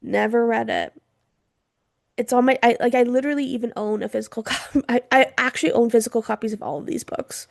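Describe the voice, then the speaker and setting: A woman's voice: fairly high pitch, steady tone, fast, creaky, few pauses, no echo, studio quality. A woman co-hosting a podcast in casual chat, chatty and laughing often, her throat irritated from smoke. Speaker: podcast co-host.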